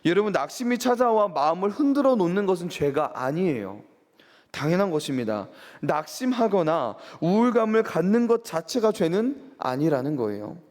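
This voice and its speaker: A man's voice: high voice, big pitch swings, moderate pace, darkish tone. A man preaching a sermon as pastor, asking his congregation questions and rising for emphasis. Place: church sanctuary. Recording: long church hall reverb.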